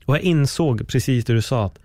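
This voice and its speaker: A young man hosting a podcast, telling a story in lively casual chat and swearing freely. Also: mid-range voice, no echo, clean studio sound. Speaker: podcast host.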